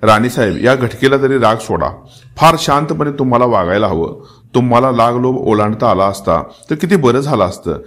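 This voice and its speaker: A dying old king, weary but still commanding, speaks in an emotional, heightened voice, as a man reading a historical novel puts him on. His lines climb in pitch and swell in force. It sounds like a dramatic storybook reading. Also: expressive, moderate pace, fairly bright tone, close to an everyday voice. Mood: stern. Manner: emotional, rising to pleading and commanding outbursts.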